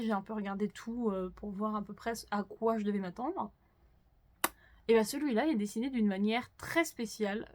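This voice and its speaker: A young woman hosting a casual manga news talk to her viewers, chatty and candid, with frequent fillers. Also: mid-range voice. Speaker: manga news channel host.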